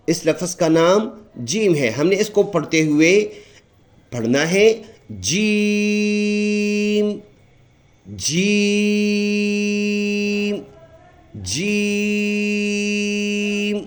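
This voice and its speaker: A man with a Pakistani Urdu accent giving a patient recitation lesson, explaining each letter and repeating it slowly and drawn out. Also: a little high, lively intonation. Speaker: Quran recitation teacher.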